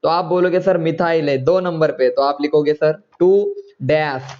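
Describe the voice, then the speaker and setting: A man's voice: a little high, fairly even intonation, unhurried, a little mellow, lo-fi sound. A man teaching chemistry in an online class, coaxing students and checking often whether they follow.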